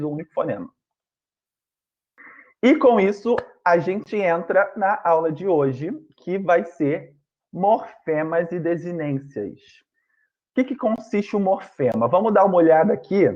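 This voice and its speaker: A man teaching an online grammar lesson, explaining step by step and often checking in with his students. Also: a little high. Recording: dull lo-fi online class audio.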